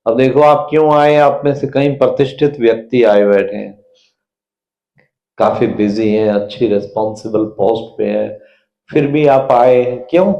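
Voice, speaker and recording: A man giving a slow sermon-style spiritual talk at a retreat, telling parables and acting out quoted voices, with English phrases mixed in. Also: medium pitch, steady tone, vocal fry, warm tone, reverberant, dull audio. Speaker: spiritual speaker at a health retreat. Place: retreat centre hall.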